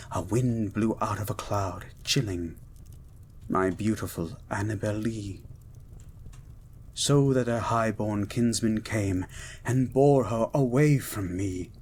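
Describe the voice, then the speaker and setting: A man voicing a gentle, learned mutant beast as a devoted lover, speaking in a slow, hushed, formal and ardent way in a romantic audio roleplay. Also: on the low side, slight background noise. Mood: mournful, romantic. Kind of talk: romantic poetry reading and intimate audio roleplay.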